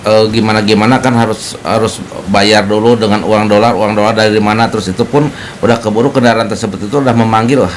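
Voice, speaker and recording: A man with a fairly low voice who asks his guest questions in a polite, inquisitive way, often adding small apologies. A faint noise runs behind him. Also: steady tone, fast talker. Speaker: host interviewer. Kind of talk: conversational interview questions.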